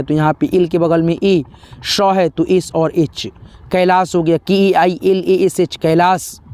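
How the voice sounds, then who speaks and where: A man's voice: high voice, a little mellow. A man teaching a beginners' spelling lesson, patiently spelling out each word letter by letter and repeating them. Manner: patient, repeats letters, addresses viewers as friends.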